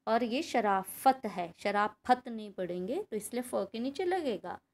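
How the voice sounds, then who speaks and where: A woman's voice: a little high, expressive, measured pace, darkish tone. A woman teacher giving a Hindi grammar lesson, explaining patiently and asking the class questions.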